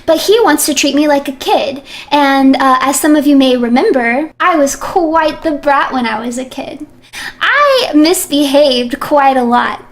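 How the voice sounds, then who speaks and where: High-voiced, teasing young woman streamer. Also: animated, a little slow. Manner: teasing, playful, mock-defiant. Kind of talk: live game stream commentary.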